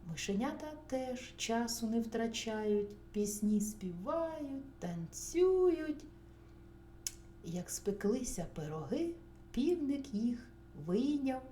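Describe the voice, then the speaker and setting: A woman narrating a children's bedtime story, gentle and expressive with soft whispered asides. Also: on the high side. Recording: roomy recording, faint hum.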